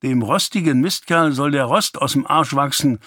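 A man's voice: medium pitch, a bit bright, breathy edge, no room sound, clean studio sound. A man doing a cheeky young boy. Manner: cheeky, eager, quick to talk back.

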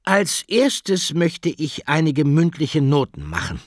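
A man voicing a brisk, friendly woman teacher in a children's audiobook, projecting like in a classroom. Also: fairly high pitch, big pitch swings, dry recording, clean studio sound, pitched above the performer's own voice.

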